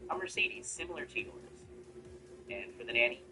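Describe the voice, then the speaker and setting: Male storyteller with lively pitch. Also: moderate pace, rough recording. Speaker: narrator. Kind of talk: first-person story narration. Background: background music.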